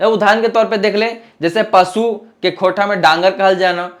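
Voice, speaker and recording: High-pitched man teaching. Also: steady tone, moderate pace. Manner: conversational, slips into local dialect for examples; checks in often with the class. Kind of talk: exam-prep lecture.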